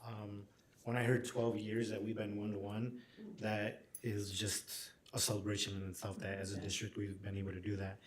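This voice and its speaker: A man's voice: on the low side, completely flat delivery, normal speed, slight background noise. A man presenting at a school board meeting in a friendly, upbeat way with frequent "um"s. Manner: upbeat, friendly, hesitant fillers. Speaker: district administrator presenting. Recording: echoey meeting room.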